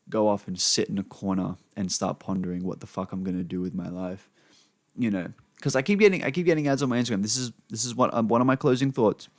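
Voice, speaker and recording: A man's voice: on the low side, no room sound, studio quality. Young Australian man rambling profanely. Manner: rambling and profane, constant "you know" asides. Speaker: vlogger. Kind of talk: unplanned rambling monologue. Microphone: desk microphone he sometimes pops.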